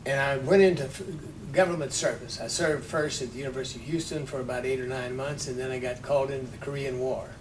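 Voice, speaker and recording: Man in his nineties, oral history interviewee, unhurried with dry wit, distant mic with low rumble. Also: fairly even intonation. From Texas. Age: 90s. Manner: unhurried storytelling with dry humor. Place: office with large windows.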